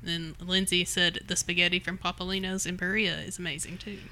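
Bright Southern Kentucky woman, casually chatting. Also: on the low side, flat delivery, brisk, slight background noise. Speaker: talk show host. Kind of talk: casual chat, reading out audience comments.

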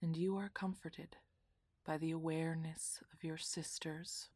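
A woman guiding a relaxation meditation in a soft, half-whispered, soothing voice. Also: deep voice, flat delivery, unhurried, breathy edge, no room sound, clean studio sound. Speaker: meditation guide.

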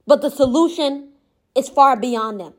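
Woman, high voice, impassioned motivational monologue, gentle but firm delivery. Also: measured pace. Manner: impassioned, repetitive emphatic phrasing.

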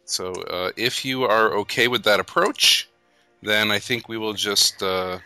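Very bright-voiced man hosting a podcast. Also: fairly low pitch, a little slow, clean tone, no echo, soft background music. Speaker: podcast host. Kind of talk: casual podcast chat, leading a ranking game.

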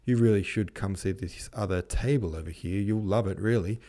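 A man's voice: on the low side, moderate pace, dark tone, close to an everyday voice. A man doing a flustered society hostess. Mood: pleading. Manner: pleading, sarcastic. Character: flustered society hostess, middle-aged woman.

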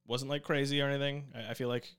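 A man's voice: mid-range voice, little pitch movement, fast talker, fairly bright tone, clear, resonant tone. A young man co-hosting a podcast, chatting casually and rambling with jokes, fillers and restarts. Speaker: podcast co-host.

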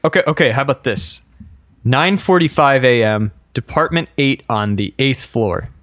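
A man's voice: mid-range voice, animated, moderate pace, a bit bright, no echo. A man co-hosting a podcast in casual chat, dry and teasing, reading out old notes. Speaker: podcast co-host.

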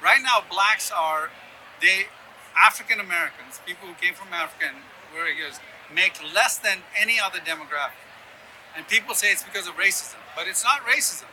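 Sharp and fairly quick, his high-sitting voice comes through a rough recording with a little hiss or hum. The man, a conservative activist guesting in an interview, grew up in Sudan, Yemen and Ethiopia after being born in Ghana, and he peppers his opinionated political explanations with "right?"

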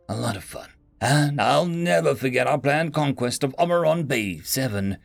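A man's voice: on the high side, full character voice. A man doing a nervous young corporate human. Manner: stammering, pleading, then smoothly businesslike.

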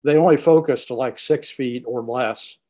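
Medium-pitched man chatting. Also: normal speed, warm tone. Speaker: podcast co-host. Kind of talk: casual chat.

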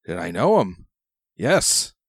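Guy putting on a gruff old fisherman pirate, chatty and knowing, lowish voice, tabletop game, really dry sound. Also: sing-song, slow pace, no room sound, heavily acted. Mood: knowing, conspiratorial.

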